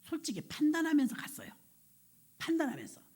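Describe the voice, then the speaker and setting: A middle-aged woman pastor telling a lively story in a sermon, acting out the people she quotes. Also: sits high, a little fast. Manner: lively anecdotal storytelling, acts out quoted voices.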